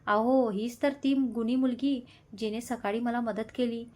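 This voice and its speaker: A kind old grandmother speaks tenderly and gives blessings in an audio story, read by a woman narrator. She talks in a fond, familiar way. The voice sits a little high. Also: fairly even intonation, measured pace, close to an everyday voice. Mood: delighted. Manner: warm, blessing, calls others "child". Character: kind elderly grandmother, affectionate and grateful.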